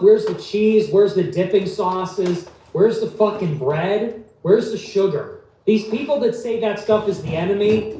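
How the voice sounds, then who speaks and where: A man's voice: sits high, darkish tone. A man hosting a livestream, talking in a blunt, sarcastic, rambling monologue. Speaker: livestream host. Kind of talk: casual ranting monologue. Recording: echoey, distant, noisy room.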